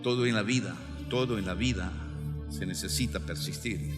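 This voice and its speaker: A man preaching a fiery sermon, swinging between loud exclamations and low, slow asides, calling listeners brother and son. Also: over music. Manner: calls listeners "hermano" and "hijo". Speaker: pastor. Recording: long hall reverb.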